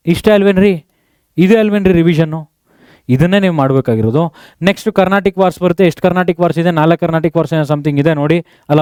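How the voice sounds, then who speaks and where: Man teacher, high clear voice, quizzing. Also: darkish tone, no echo, studio quality. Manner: quizzes students with quick questions; mixes English terms into speech. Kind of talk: exam revision lesson.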